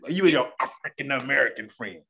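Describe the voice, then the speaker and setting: A male podcast guest talking in an animated, incredulous, teasing way in casual conversation. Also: medium pitch, fast, gravelly.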